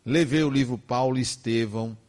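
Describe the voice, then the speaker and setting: An older man with a Brazilian Portuguese accent, giving a personal testimony as a spiritist speaker in slow, emphatic, emotive storytelling. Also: medium pitch, darkish tone.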